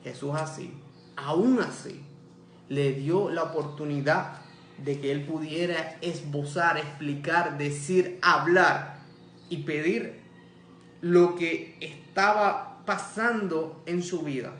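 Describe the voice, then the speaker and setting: A man with a Puerto Rican Spanish accent preaching a sermon in a church, impassioned and rising to loud cries. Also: on the high side, slow pace, slight background noise. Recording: echoey church room with faint ambience.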